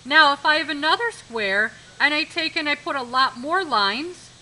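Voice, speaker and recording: A woman's voice: high-pitched, animated, normal speed, sharp tone, poor audio. A woman art teacher giving a live demonstration lesson in a classroom, instructive, repeating key points and checking that students follow.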